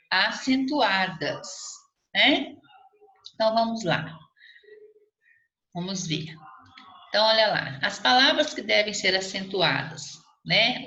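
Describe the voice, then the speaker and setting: In a recorded remote class lesson, a woman teacher with a bright, forceful mid-range voice patiently walks students through the material, checking in with them often. The room is echoey and the lo-fi audio sounds slightly dull.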